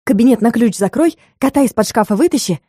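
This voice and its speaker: A woman's voice: a little high, lively intonation, quick pace, warm tone, slightly rough, no room sound, studio quality. A woman voicing a short-tempered young witch fortune-teller in an audiobook, giving snappy, growled commands. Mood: irritated.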